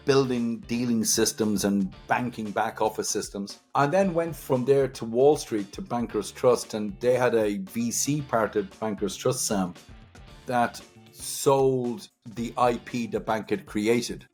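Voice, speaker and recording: A technology entrepreneur in his fifties from Dublin, Ireland, speaks with a Dublin Irish accent as a guest in a conversational interview about his own career. He's chatty and repeats words for emphasis, in a fairly low, slightly mellow voice.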